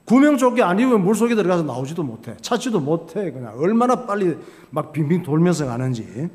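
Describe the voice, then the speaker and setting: Lively preaching Korean man in a reverberant hall. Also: fairly high pitch, quick pace. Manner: folksy storytelling, asks and answers his own questions. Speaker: pastor. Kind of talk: sermon. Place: church sanctuary.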